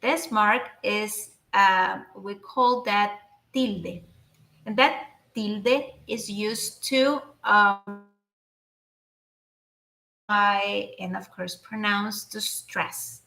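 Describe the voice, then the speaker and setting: A woman teaching an online language lesson, explaining slowly with many fillers and restarts into a computer microphone. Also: mid-range voice, gravelly, pushed and bright, reverberant. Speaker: Spanish teacher.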